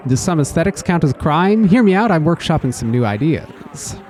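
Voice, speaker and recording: A man's voice: a little high, big pitch swings, brisk, darkish tone. A man voicing an absurd, officious theatrical policeman while reading a video game aloud. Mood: officious, silly.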